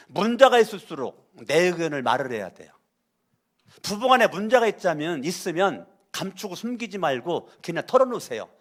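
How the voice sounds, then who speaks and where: A middle-aged male pastor preaching a sermon, with repetition, rhetorical questions and swings between loud scolding and soft pleading. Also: on the high side.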